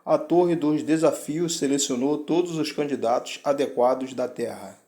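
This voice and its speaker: A man's voice: fairly high pitch, moderate pace, dark tone, natural voice. A man voicing a formal system screen that announces the rules of a trial.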